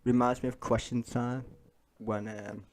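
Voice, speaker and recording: A man's voice: mid-range voice, flat delivery, measured pace, slight background noise. A man who sounds stoned, rambling casually and swearing as he hosts a reaction to clips. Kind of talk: casual profane reaction commentary to political clips.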